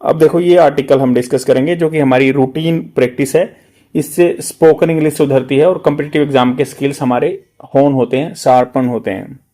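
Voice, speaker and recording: A man teaches English vocabulary as he goes through a newspaper. He explains in Hindi with English words mixed in, and he stretches out each word slowly and repeats it to drill the pronunciation. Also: medium pitch, steady tone, warm tone.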